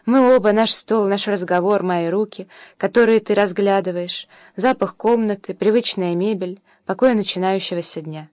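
Brief: tender, philosophical mother in an audiobook, measured and soft, voiced by the woman narrator. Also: medium pitch, no echo, clean studio sound, close to an everyday voice. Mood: gentle, reflective. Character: tender, philosophical young mother teaching her son.

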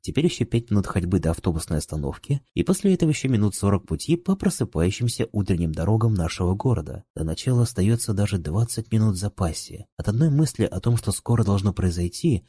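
A man narrates a story in a deep, dark, husky voice. He keeps his storytelling steady and even. The recording is dry and close with no room sound. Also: quick pace, few pauses, no room sound. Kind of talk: audiobook narration.

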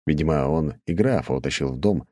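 A man with a deep voice narrates an audiobook, his pitch moving in a lively, expressive way. The recording is dry and close, with no room sound. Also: brisk, no room sound.

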